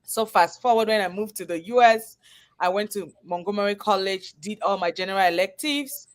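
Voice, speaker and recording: Appearing as a guest on a live interview, a woman who is a chef and business owner shares personal stories in an earnest, conversational way. She has a Cameroonian accent and a mid-range voice that runs a little fast.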